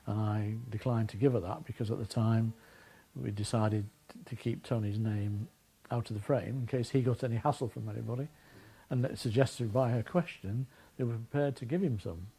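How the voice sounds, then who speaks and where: A man answering interview questions as an investigator of animal deaths, recounting events in a measured way with frequent restarts. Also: medium pitch, warm tone, slightly rough, low-quality recording.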